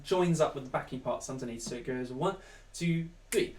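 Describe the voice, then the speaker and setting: A man's voice: mid-range voice, normal speed, darkish tone, slight background noise. A man leading an online singing lesson, counting in and singing lines to demonstrate. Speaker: choir leader. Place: home room. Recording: roomy, distant mic with backing music.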